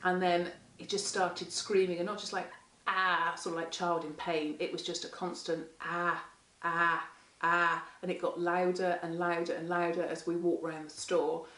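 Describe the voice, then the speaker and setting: Hoarse mum, frank interview testimony, low voice, distant mic. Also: female voice, little pitch movement, normal speed, hardly any pauses. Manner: frank, candid storytelling that acts out quoted speech. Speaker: parent carer. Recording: echoey room, mic far off.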